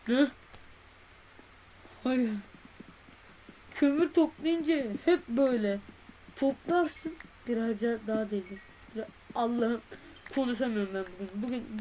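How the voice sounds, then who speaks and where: A woman giving casual commentary while playing a game, chatty and excitable, talking to her viewers in a playful, slangy way. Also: a little high, a little hiss or hum, rough recording. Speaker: gaming video creator.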